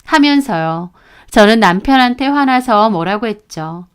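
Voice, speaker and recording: Brief: woman storyteller, smooth resonant voice, indignant and aggrieved, slightly high. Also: animated, unhurried. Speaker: narrator. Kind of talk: storytelling narration.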